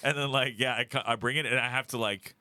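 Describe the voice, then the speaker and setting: A man's voice: medium pitch, quick pace, smooth, dry recording. A man co-hosting a casual comedy podcast, joking and acting out voices as he tells stories. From Miami. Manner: animated, jokey, acts out voices in stories. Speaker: podcast co-host.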